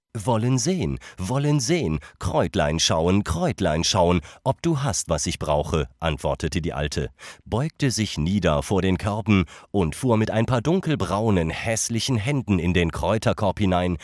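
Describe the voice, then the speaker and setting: Deep-voiced man reading a fairy tale. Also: dry recording, studio quality. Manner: expressive fairy-tale narration. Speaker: narrator. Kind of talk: storybook reading.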